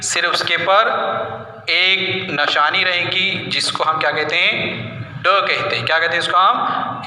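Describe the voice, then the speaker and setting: A man's voice: a little high, bright, forceful tone, slight background noise. A man teaching an Urdu alphabet lesson in a patient way, asking questions and answering them himself. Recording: echoey room.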